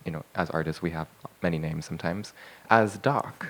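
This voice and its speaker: Man, deep voice, podcast co-host, casual rambling chat, lots of ums. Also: normal speed, fairly bright tone. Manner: rambling, chatty, many fillers.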